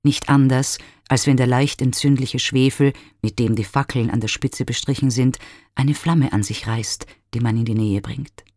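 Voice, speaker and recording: A man giving a measured, expressive scripted narration of a classical myth. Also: mid-range voice, no room sound, studio quality.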